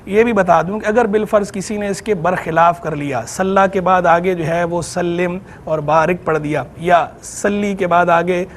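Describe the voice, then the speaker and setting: A man's voice: sits high, normal speed, hardly any pauses, slight background noise. A man with a Pakistani Urdu accent, an Islamic scholar on a TV program, explaining religious rules and grammar patiently and methodically. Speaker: Islamic scholar answering questions. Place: TV studio.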